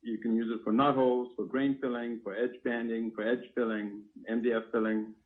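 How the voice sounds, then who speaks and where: A company founder talks casually on a live call about the products he invented, breaking down the technical points one step at a time. His medium-pitched voice is flat and a little fast, coming through a narrow, tinny phone connection.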